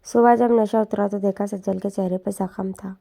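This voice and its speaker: A woman telling an emotional story in a soft, subdued and earnest way, narrating in the first person. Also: mid-range voice, fairly even intonation, creaky.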